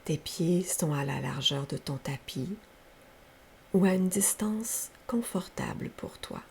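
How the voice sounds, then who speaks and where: A yoga nidra teacher leads a guided meditation, her low voice a soft, gravelly, breathy murmur with frequent creak. She gives slow, soothing instructions very gently and without hurry, letting each one settle. A faint, steady hiss runs in the background.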